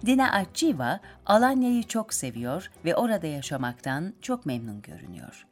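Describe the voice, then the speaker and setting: Radio presenter woman reading a script, lowish voice, super animated intonation, bit of music underneath. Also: moderate pace.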